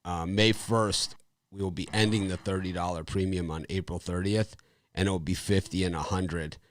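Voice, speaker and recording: The same kind of casual live-stream chat comes from a man whose voice is low-pitched and steady, moving at a moderate pace. He hosts a live sports betting show, rambling slightly, restarting, and letting out brief laughs.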